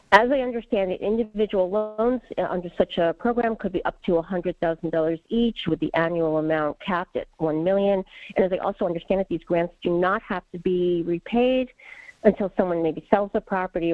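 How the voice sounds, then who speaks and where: A woman's voice: on the low side, dry recording. A woman calling in over a clipped phone line, giving an earnest, formal public comment to a board. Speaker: caller at public meeting. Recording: tinny dry phone line.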